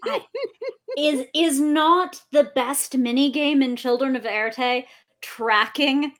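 Slow-talking high-voiced woman, dry jokes. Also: a bit bright. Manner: dry, joking remarks. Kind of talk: casual chat.

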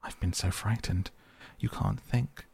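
A timid little mole, as a man puts him on for a storybook, plaintive and shaky, pitched above the reader's own voice. Underneath it stays gravelly and husky. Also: measured pace, a little mellow, heavily acted. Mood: frightened. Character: small timid male mole, tired and frightened.

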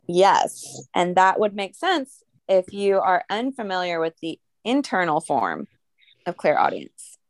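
A woman's voice: fairly low pitch, sing-song, unhurried, no echo. A young adult woman co-hosting a podcast, telling stories in a chatty way with fillers and laughs. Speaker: podcast co-host. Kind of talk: casual chat.

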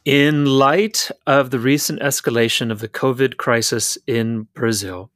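A man's voice: medium pitch, fairly even intonation, measured pace, fairly bright tone, no echo, studio quality. A man co-hosting a podcast interview, partly reading an introduction, in a formal and somewhat hesitant manner. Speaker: podcast co-host.

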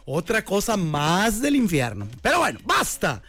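A man's voice: sits high, huge pitch swings, unhurried, gravelly, a bit bright. A man with a Mexican accent hosting a radio show, telling a comic story in a joking, playful way. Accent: Mexican Spanish. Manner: playful, jokey storyteller, acts out voices. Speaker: radio host. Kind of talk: comedic radio monologue.

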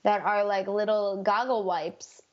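A woman's voice: mid-range voice, steady tone, a little slow, highs cut off. A woman chatting casually and playfully as a podcast co-host. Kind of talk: casual chat.

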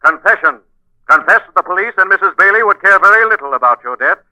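A menacing shadowy crime fighter from a 1940s radio drama. The voice is fairly high and cuttingly sharp, with slow, insinuating, theatrical taunts. It sounds like a dry old broadcast. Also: male voice, animated, no echo, exaggerated voice, rough recording. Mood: coaxing, menacing.

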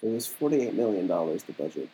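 A young man co-hosting a podcast, joking and swearing in quick casual banter. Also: fairly low pitch, big pitch swings, warm tone, husky, rough recording. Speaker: podcast co-host. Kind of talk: casual chat.

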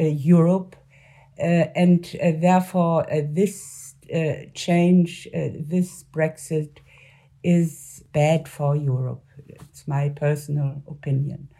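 An older woman, a native German speaker with a German accent, answers political interview questions haltingly, searching for words in her second language. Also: lowish voice, creaky, mellow. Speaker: former member of parliament, interview guest.

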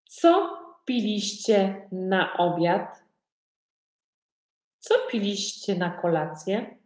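Woman teacher, very slow deliberate speech, repeats easy questions, echoey room. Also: mid-range voice, darkish tone. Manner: asks learners many simple repeated questions. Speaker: Polish language teacher. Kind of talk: slow repetitive language lesson.

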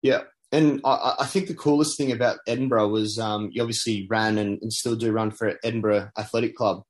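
A man's voice: on the low side, steady tone, brisk. A man hosting an interview, asking questions in a hesitant way with many fillers and restarts. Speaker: interviewer, host. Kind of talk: casual interview.

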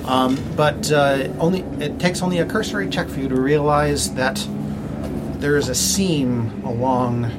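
Halting male game master, very noisy recording. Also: medium pitch, steady tone. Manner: halting, searching for words. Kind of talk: narrating a tabletop game, casual. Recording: clearly noisy room recording, loud background noise.

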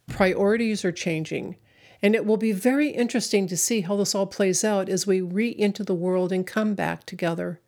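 A woman giving an inspirational spiritual talk in measured, reflective short phrases. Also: lowish voice, darkish tone. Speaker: spiritual speaker.

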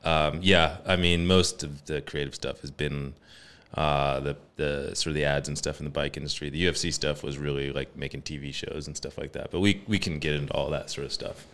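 A man's voice: a bass voice, fairly even intonation, a little fast, a bit bright. A man as an interview guest, modest and hesitant, talking with many fillers. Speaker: guest filmmaker. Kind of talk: casual interview.

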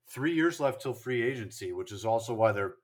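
A man's voice: mid-range voice, expressive, brisk. Chatty man rattling off baseball stats. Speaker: podcast co-host. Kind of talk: casual sports chat.

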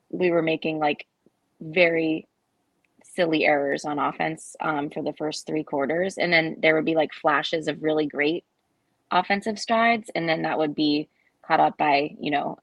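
A woman co-hosts a casual sports podcast in a very low, gravelly voice, working through her frustrations in steady analysis. The recording is dry and close. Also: no echo. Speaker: podcast co-host.

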